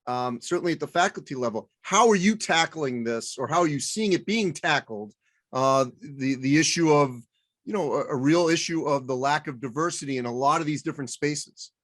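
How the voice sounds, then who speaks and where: A man's voice: a little high, fairly bright tone. A man hosting an interview, asking loose, rambling questions full of fillers. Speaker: interview host. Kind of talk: conversational interviewing.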